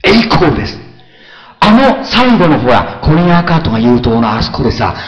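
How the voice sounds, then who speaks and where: A man preaching a sermon as pastor, animated, swinging between soft asides and loud exclamations, often asking his listeners questions. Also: medium pitch, fairly quick, reverberant, dull audio. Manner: conversational, asks the congregation questions.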